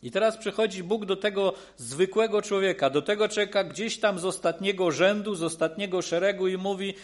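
A man's voice: high voice, a little fast. A man preaching a sermon in an earnest, reassuring way, with frequent restarts and repeated phrases.

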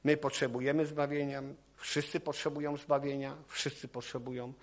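A man's voice: mid-range voice, little pitch movement, normal speed. A man preaching from a church podium, his delivery impassioned and built on repetition. He folds his own testimony into the sermon, circling back to key phrases as his intensity climbs. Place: church or meeting hall podium.

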